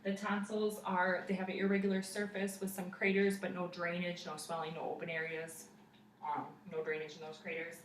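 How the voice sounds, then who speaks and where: A young adult woman narrates a clinical exam step by step like a student, describing each finding to a patient and an observer. Her lowish voice is flat and fairly quick. It's recorded indoors in a living room on a camera mic across the room, sounding roomy and distant with faint noise.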